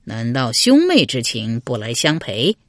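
A suspicious, jealous lord of middle age, as a woman narrator puts him on, his voice pushed low and kept quiet. He speaks coldly and slowly, sneering, recorded close and dry. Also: huge pitch swings, dry recording, full character voice. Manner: cold and sneering, slow and deliberate. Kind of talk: Chinese historical novel reading.

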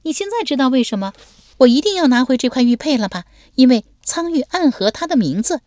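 A woman narrator voicing a playful, sharp-witted young woman in an audiobook, talking high and lively. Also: brisk, no echo, clean studio sound. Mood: teasing. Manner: perky and teasing, then sharply scornful. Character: bright, teasing young woman, quick and playful.

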